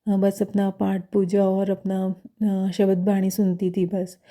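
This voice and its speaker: A young woman speaks casually about her devotional experiences. Her delivery is hesitant and full of fillers and pauses. Her voice stays level and flat, with a dark, mellow tone. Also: mid-range voice. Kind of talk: casual testimonial talk.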